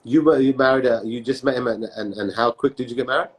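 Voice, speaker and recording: A man hosting a casual live-stream interview, talking in quick bursts full of restarts. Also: mid-range voice, husky, rough recording. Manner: rapid, halting, many restarts and "man". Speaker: host.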